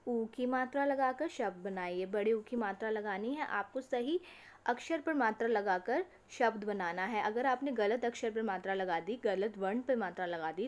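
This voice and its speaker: A woman teacher giving an online lesson to young children. She reads words slowly, one at a time, and asks questions that she answers herself. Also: mid-range voice. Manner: slow, drawn-out word-by-word reading for children. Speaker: school teacher.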